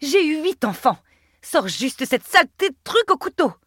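A woman narrator puts on a cruel, sneering queen with a high, swooping voice. She taunts and snaps orders with imperious scorn. The recording is dry and close. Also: lively intonation, moderate pace, dry recording, natural voice. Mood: furious. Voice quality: sneering, shrill when angry. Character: cruel haughty queen, adult woman, mocking. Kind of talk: audiobook character voice.

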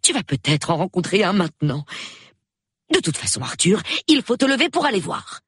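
A woman's voice: mid-range voice, very animated, moderate pace, breathy edge, no room sound, studio quality, pitched above the performer's own voice. A man voicing an insistent middle-aged lady of the house, pleading with her sleepy husband in a storybook reading.

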